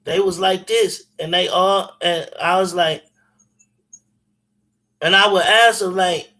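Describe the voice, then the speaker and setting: A man's voice: high-pitched, steady tone, slow pace, bright, forceful tone, rough recording. A man in his forties telling stories over the phone in a rambling, emphatic way, with slangy, profane talk and many restarts. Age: 40s. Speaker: caller on a phone conversation. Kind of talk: casual chat, storytelling.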